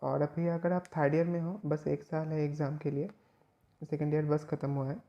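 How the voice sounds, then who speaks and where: Male tutor from West Bengal talking students through prep; loose, halting delivery, warm low timbre, muffled home recording. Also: level tone. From West Bengal, India. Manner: rambling, restarts and fillers. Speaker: chemistry exam tutor. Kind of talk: informal study advice to students.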